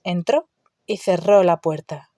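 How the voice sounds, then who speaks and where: A woman narrating an audiobook in a measured, expressive storytelling way. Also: lowish voice, no room sound, clean studio sound.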